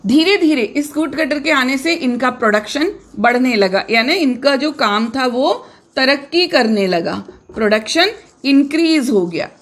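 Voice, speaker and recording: A woman with a high, light voice teaches a grammar lesson. She explains patiently, repeats key words and asks her pupils questions along the way. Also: animated, a little slow, a bit bright. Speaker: English teacher.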